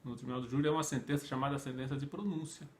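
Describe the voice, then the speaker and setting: A man's voice: medium pitch, steady tone, rapid-fire. A man with a Brazilian Portuguese accent teaching a law class, talking conversationally, asking rhetorical questions and often adding tag questions. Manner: conversational, asks rhetorical questions, acts out imagined speakers; frequent tag questions and fillers. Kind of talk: online law lecture.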